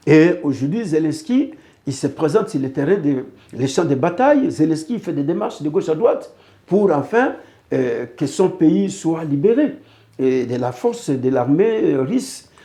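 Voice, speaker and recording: A man from Congo (DRC), a guest in a political interview, speaks earnestly and drives his points home by repeating phrases. His voice is a little high and warm, with big pitch swings and a moderate pace.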